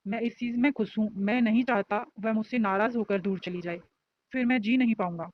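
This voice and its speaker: A shy young man in love, earnest and quick to defend himself, as a woman reads him in a storybook. The voice is mid-pitched, and the audio is somewhat dull and lo-fi. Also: slight background noise, natural voice. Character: shy, lovestruck young male student.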